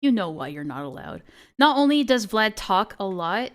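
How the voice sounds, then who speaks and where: A woman's voice: mid-range voice, sing-song, normal speed. A woman with a youthful, girlish voice hosting a casual livestream, chatting and swearing freely with friends. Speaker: livestream host.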